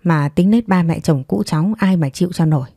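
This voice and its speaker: A woman's voice: on the low side, brisk, mellow, breathy edge, no room sound, studio quality. Woman voicing a kindly village aunt. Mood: sympathetic. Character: kindly, plain-spoken middle-aged aunt.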